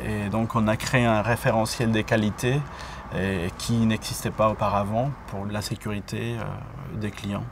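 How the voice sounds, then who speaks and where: A man from Mexico, an operations manager explaining his work in a measured way with frequent fillers. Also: on the low side, flat delivery, noisy background. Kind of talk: workplace interview. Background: background music.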